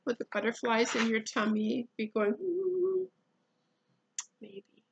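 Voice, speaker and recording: A woman reading a picture book aloud to a child, pausing to ask gentle questions and dropping to whispers. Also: fairly high pitch, level tone, vocal fry, breathy edge, dull audio.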